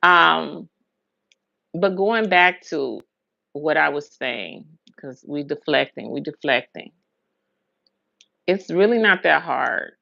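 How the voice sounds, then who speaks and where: On a dry, lo-fi livestream recording, an American woman with a low, bright, forceful voice speaks slowly with lively intonation, vocal fry, and frequent pauses. She's a hairstylist and host from Huntsville, Alabama and Brooklyn, New York, chatting casually through rambling personal stories and repeating words for emphasis.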